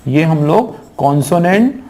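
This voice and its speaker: A man teaches English grammar in an exam-prep lecture. He explains patiently, often asks his students questions and reads the English examples out slowly. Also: a little high, lively intonation, mellow, a little hiss or hum. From India.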